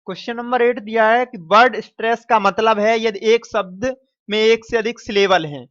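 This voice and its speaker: A male teacher with a high, steady, slightly bright voice works through a quiz paper one question at a time, repeating and slowly stretching each answer while addressing his students as "dear children." He mixes English phrases into his Hindi, and the recording is muffled and dry, with no room echo.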